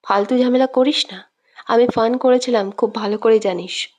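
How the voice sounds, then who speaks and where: A woman's voice: on the high side, steady tone, moderate pace, a little mellow, lightly acted. A woman reading a worried peacemaking friend. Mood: urgent. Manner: pleading, exasperated.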